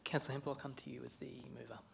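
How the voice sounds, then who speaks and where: An Australian man chairs the meeting in a flat, monotone delivery, his voice heavily gravelly with fry. He speaks in short procedural turns, with faint room noise in the chamber. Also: mid-range voice, rapid-fire. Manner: procedural, brief. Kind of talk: formal chairing of council meeting.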